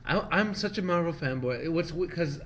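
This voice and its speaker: A young man hosting a casual podcast chat, excitable and profane, who laughs often. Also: on the high side, normal speed, a little hiss or hum. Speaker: podcast host.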